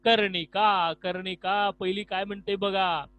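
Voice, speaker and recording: Male tutor, high-pitched, patient online lesson, explains and repeats each word. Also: little pitch movement, measured pace, fairly bright tone, no room sound, poor audio. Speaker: teacher.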